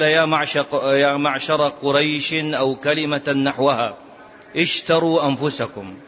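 On a dull, lo-fi lecture recording with a little hiss or hum, a man of medium pitch and slightly bright tone teaches the biography of the Prophet. He recites narrations forcefully and keeps returning to key phrases.

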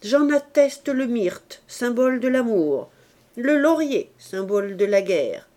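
A woman's voice: on the high side, animated, takes it slowly, mellow. A woman reading the part of a cynical drunken young man in an audiobook, ranting bitterly in a declamatory way.

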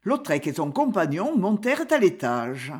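An audiobook narrator reading an old crime novel in a measured, expressive storytelling manner. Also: mid-range voice.

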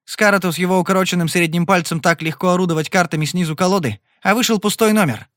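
A man's voice: high-pitched, fast, a bit bright, no echo, studio quality, voice pushed up. A man doing a cocky, mocking young cardsharp. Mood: cool mocking. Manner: cool, mocking, smooth-talking. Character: cocky young male cardsharp gambler, cool and sarcastic.

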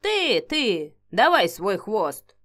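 Woman putting on a loud, scolding mad witch. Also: medium pitch, sing-song, extremely slow, full character voice. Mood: bossy. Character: grumpy eccentric female witch, bossy and impatient.

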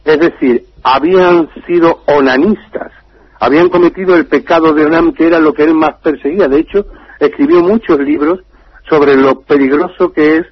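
A radio contributor with a husky voice tells an odd story, building it with jokes and sudden rises in pitch. The dry, muffled sound comes over a narrow line. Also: male voice, normal speed, no room sound. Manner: animated, joking storyteller.

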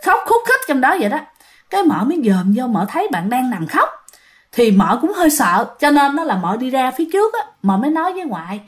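A woman narrating a ghost story, animated and talking directly to her listeners. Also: high voice, fairly quick.

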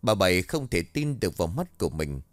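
A man narrating a scripted village ghost story in an expressive storytelling manner. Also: low-pitched, fairly quick, no room sound, clean studio sound.

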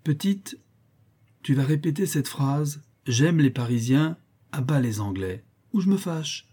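A man's voice: on the high side, expressive, a little slow, mellow, husky, pitched above the performer's own voice. A man doing a brash cheeky young sailor. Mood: boisterous.

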